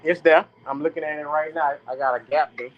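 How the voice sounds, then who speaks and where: A man in a casual car chat, easygoing and halting, often restarting his words. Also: fairly high pitch, fairly even intonation, dull audio.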